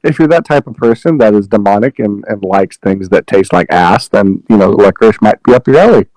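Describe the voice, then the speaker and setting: A man's voice: fairly low pitch, lively intonation, brisk, a little mellow, dry recording, low-quality recording. A man co-hosting a casual podcast in a laid-back, easygoing way. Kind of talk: casual gaming podcast chat.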